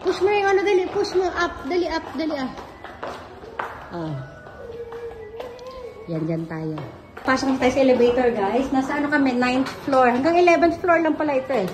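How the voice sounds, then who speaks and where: Chatting her way through a casual hotel tour in the lobby and halls, a woman travel vlogger points things out and calls to her child. Her voice is high-pitched and animated, at normal speed with frequent pauses. It's shot on a handheld camera with a noisy background.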